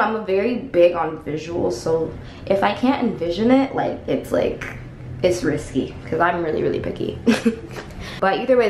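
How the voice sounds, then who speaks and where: A young lifestyle vlogger chats casually at home in a small room, emphatic and talkative, with the odd swear. Her medium-pitched voice is creaky, and the echoey recording carries faint home ambience and a little hiss or hum.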